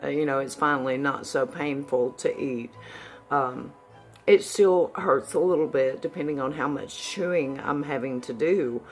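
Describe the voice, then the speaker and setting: A woman's voice: extremely low pitch, moderate pace, faint music behind. A woman giving a casual, candid, folksy update to viewers, her s sounds whistling through new dentures. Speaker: vlogger.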